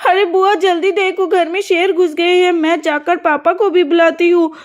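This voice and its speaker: A woman's voice: very high voice, level tone, moderate pace. A woman voicing a frightened little girl. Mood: scared pleading. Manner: urgent, pleading calls. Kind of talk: cartoon voice acting.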